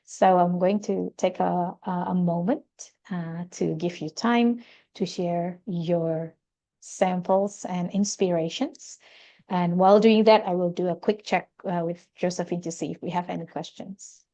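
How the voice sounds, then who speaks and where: An Indonesian woman presents a teaching webinar in English, explaining software features with many hesitant fillers. Her voice is fairly low-pitched with fairly even intonation, and she speaks at a measured pace.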